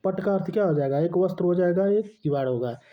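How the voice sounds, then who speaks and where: A man's voice: high voice, quick pace. A man teaching a grammar lesson, asking questions and answering them himself. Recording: dull lo-fi recording.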